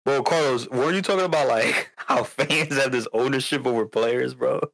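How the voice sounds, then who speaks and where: A man's voice: mid-range voice, moderate pace, gravelly, a bit bright, dry recording. A man in casual sports banter, slangy and given to questioning his friends.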